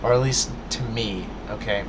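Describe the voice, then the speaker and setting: In a lowish voice at normal speed, a vlogger lectures his viewers earnestly in a casual rant to camera, frequently stumbling with a stutter, restarts, and many fillers. A clear, steady hum of background noise runs beneath him.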